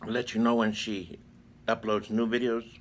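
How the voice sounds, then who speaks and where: Male mukbang host, lowish voice, laid-back chat between bites, easy halting shout-outs. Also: little pitch movement, a little hiss or hum.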